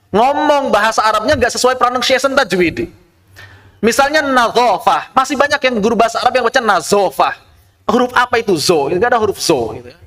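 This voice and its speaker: A man teaching an online tajwid lesson. He explains with rhetorical questions and recites Arabic verse slowly. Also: high voice, a bit bright. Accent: Indonesian.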